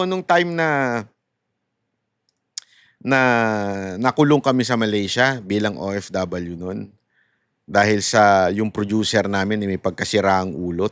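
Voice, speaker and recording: A middle-aged Filipino man with a Filipino accent, giving candid faith-based advice in a lively, conversational way and switching between Filipino and English. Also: deep voice, no echo, studio quality. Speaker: podcast host.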